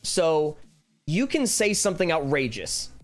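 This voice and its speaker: A man livestreaming as he draws, chatting casually in a rambling way, with lots of fillers and restarts, and growing animated when he vents. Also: a little high, unhurried, faint music behind. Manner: grows heated and animated when venting. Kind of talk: casual chat while drawing.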